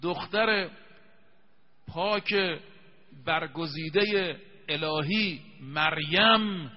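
Emphatic male preacher, slightly raised pitch, long reverb on the sound. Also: dull audio. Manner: emphatic storytelling, slows to recite scripture. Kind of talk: televised religious sermon.

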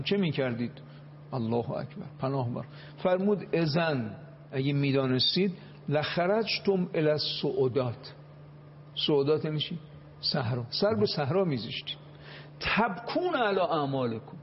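A man's voice: fairly high pitch, big pitch swings, highs cut off, slight background noise. A man, a cleric on a talk show, preaching with Arabic quotations and dramatic, emphatic acted quotes.

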